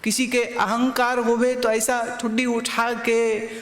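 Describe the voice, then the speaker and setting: Speaking slowly with a flat delivery and a fairly high pitch, a woman spiritual teacher offers a satsang discourse built on anecdotes and rhetorical questions aimed straight at her listeners. The room is reverberant and spacious.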